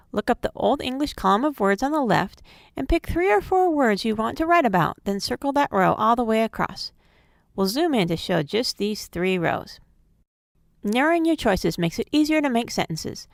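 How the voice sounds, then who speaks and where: A woman giving a scripted phonics lesson, speaking in a clear, measured teaching manner. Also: medium pitch, no room sound, clean studio sound. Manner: clear, measured instructional delivery.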